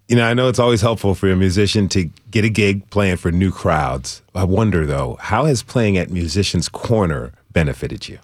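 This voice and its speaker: A man hosts a public radio interview with an easygoing, encouraging way of asking questions. His voice sits fairly low and is recorded close and dry in the studio. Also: normal speed, few pauses, slightly rough, dry recording. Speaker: radio show host. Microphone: studio microphone.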